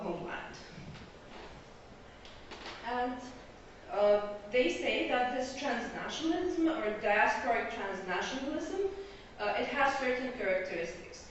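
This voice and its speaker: A graduate student from Egypt explains her points in an academic talk, checking in with listeners as she goes. Her voice is mid-range, captured by a distant lo-fi mic in an echoey hall with slight background noise.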